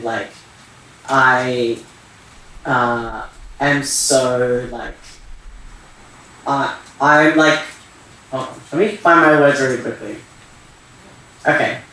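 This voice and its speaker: A man's voice: medium pitch, a bit bright, recorded from a distance, slight background noise. Hesitant young man in an echoey hall. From Iran. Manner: hesitant, searching for words, many fillers. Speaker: community talk participant. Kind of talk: open share at a community event. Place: theatre hall.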